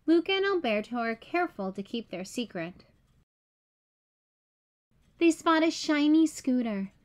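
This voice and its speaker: Reading a picture book to children, this female storyteller uses a clear, simple, expressive style. She speaks in a high voice at a slightly slow pace.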